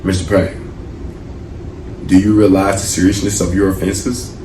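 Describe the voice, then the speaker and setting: A male comedian voicing a stern, harsh courtroom judge who speaks formally and threateningly, in a voice lower and quieter than his own. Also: little pitch movement, normal speed, a little hiss or hum, natural voice. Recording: roomy live venue from a distance, audience.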